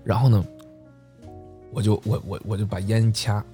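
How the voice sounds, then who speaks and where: A young man on a podcast, telling a story in an animated, excitable way. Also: fairly low pitch, normal speed, soft background music. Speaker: podcast co-host. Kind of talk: casual storytelling chat.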